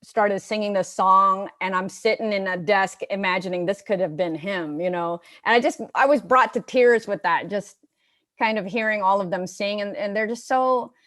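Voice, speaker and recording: A middle-aged woman from the United States talks casually as a guest. She rambles, stops and restarts often, in a voice of middling pitch. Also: moderate pace, a bit bright. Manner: chatty, rambling with many restarts and fillers. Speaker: guest on a comedy variety show. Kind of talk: casual chat.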